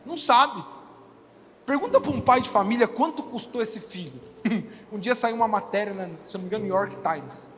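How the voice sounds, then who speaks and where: A male pastor preaching a lively sermon to his church, acting out the people he quotes. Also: high-pitched, a little fast, slight background noise. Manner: animated, acts out quoted people in small voices. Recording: reverberant church hall with faint music.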